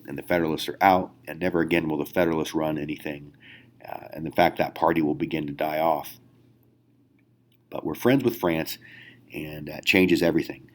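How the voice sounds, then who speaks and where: A man teaching a history lesson in a relaxed, conversational way, with many fillers and rhetorical questions. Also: rumbling low. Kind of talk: recorded classroom lecture.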